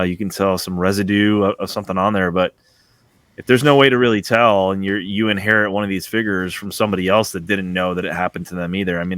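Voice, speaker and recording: A man on a podcast video call, explaining at length with soft trailing asides. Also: deep voice, dry recording. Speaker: podcast co-host. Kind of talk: casual chat.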